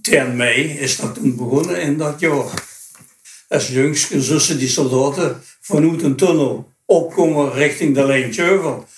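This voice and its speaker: A man's voice: fairly high pitch, unhurried. Echoey elderly man, broad Limburg Dutch accent. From Dutch Limburg, Netherlands. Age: late 80s. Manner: rambling, colloquial storytelling. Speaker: interview guest. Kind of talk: informal spoken reminiscence. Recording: echoey, roomy sound.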